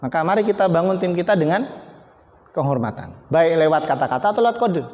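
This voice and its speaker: A fairly high-pitched man gives an emphatic motivational talk to a company team. He hammers on key words and teases people in the audience by name. His voice rings through a roomy hall with a long reverb tail. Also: animated, fast talker, a little mellow. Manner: emphatic, repeats key words, jokes with named audience members. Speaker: motivational speaker.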